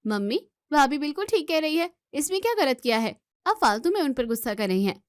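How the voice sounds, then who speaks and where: A woman's voice: fairly high pitch, fairly quick, mellow, no echo, clean studio sound, lightly acted. A woman voicing Kirti, a caring young woman from the city, who talks earnestly and pleads in a cartoon story.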